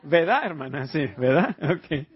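A man's voice: on the high side, expressive, a little slow, slightly rough, lo-fi sound. A man preaching an informal sermon, telling personal stories and asking his listeners rhetorical questions. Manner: conversational storytelling with rhetorical questions.

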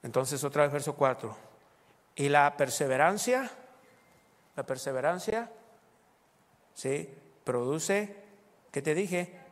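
A pastor preaches and reads scripture with a somewhat high voice, breaking into loud, rising exclamations. His voice rings with long reverb in a church hall. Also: expressive, slow, pauses often. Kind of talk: sermon.

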